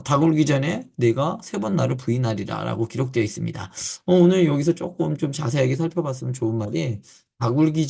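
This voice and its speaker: A male pastor's slightly high, dark-toned voice, a little rough and marked by vocal fry, carries a Bible teaching for church leaders. Frequent pauses and fillers break up his speech as he asks questions and answers them himself.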